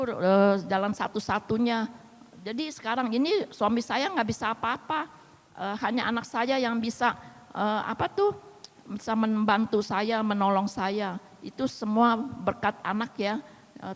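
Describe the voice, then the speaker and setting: A middle-aged woman tells her personal testimony in a high voice. Her talk halts on fillers and restarts, and she acts out what her family said. Long reverb from a hall hangs behind her. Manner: halting, many fillers and restarts, acts out others' quoted words. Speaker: church group member sharing a testimony. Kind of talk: personal testimony in casual speech.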